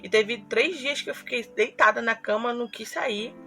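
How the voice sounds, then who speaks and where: A young woman with a bright, clear voice speaks earnestly to her viewers in a personal confessional vlog. She tells her story and acts out the things she said to herself, with soft music playing faintly behind her. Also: on the high side, moderate pace. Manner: earnest, storytelling with acted-out quotes. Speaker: YouTuber.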